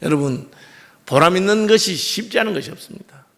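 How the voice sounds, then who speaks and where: A man's voice: high voice, expressive, fairly quick, gravelly, fairly bright tone. A middle-aged male pastor with a Gyeongsang accent, preaching a sermon in a conversational way and often putting rhetorical questions to the congregation. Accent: Gyeongsang Korean. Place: church sanctuary.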